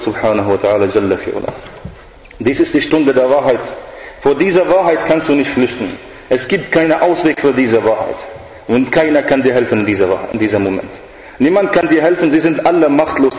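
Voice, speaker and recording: A man's voice: mid-range voice, a little mellow. A male preacher giving a sermon in an earnest, emphatic way, mixing in Arabic religious phrases, in an echoey hall with dull sound.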